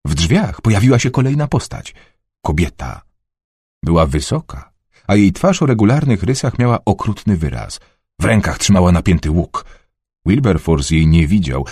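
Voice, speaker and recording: A man narrating an adventure novel in a dramatic, expressive storytelling manner. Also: low voice, moderate pace, husky, dry recording, studio quality. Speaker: audiobook narrator.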